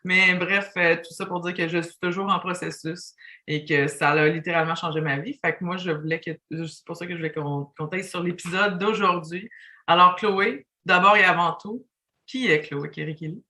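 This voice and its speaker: A woman hosting a podcast, eager and quick to laugh. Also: fairly low pitch, steady tone, sharp tone. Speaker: podcast host. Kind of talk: casual chat.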